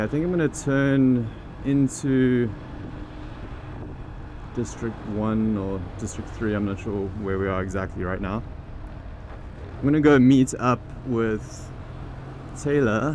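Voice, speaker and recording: In relaxed, chatty fashion, a man with a lowish voice thinks aloud and keeps restarting as he rides a motorbike through city traffic, talking to his camera outdoors. He runs a vlog and founded a teaching program, and traffic sounds fill the background.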